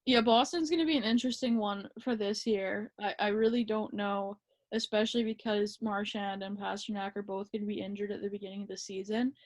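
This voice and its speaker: A woman co-hosting a casual hockey chat, relaxed and hesitant with lots of ums. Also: medium pitch, fairly quick. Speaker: podcast co-host.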